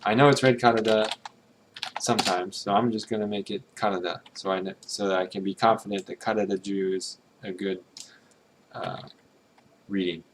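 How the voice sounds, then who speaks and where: This fairly low, evenly intoned male voice moves at a moderate pace against a noisy background. A streamer whose first language is English, he translates a game's text in casual, thinking-aloud commentary, musing tentatively, correcting himself and murmuring Japanese readings.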